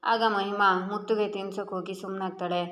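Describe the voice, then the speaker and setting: A woman telling an episode recap as a story, steady and plain. The recording has a roomy echo. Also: mid-range voice, fairly quick. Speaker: serial recap narrator.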